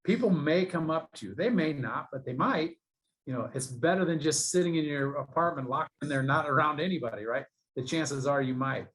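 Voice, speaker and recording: A man's voice: on the high side, fairly quick, a bit bright, poor audio. Rambling, upbeat man giving advice. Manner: rambling and enthusiastic, lots of fillers and restarts. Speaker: real estate business coach, guest. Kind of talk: casual interview advice.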